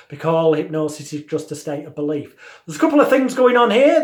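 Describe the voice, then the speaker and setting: A man giving an instructional lesson as a hypnotism teacher, with deliberate, emphatic phrasing and repeated lists. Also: on the high side. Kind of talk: instructional lesson with demonstrated patter. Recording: roomy, echoey sound.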